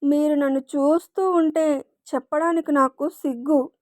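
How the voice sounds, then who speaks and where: A woman's voice: sits high, steady tone, measured pace, darkish tone, dry recording, studio quality. A woman voicing a shy, flustered young woman in love, in a read-aloud romance story.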